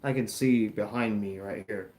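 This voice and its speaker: A man in his late twenties from Florida streams a wrestling watch-along on YouTube, chatting casually and rambling as he watches the show live. His voice is lowish and darkish, at a moderate pace in an echoey room, and he answers chat while poking fun at himself.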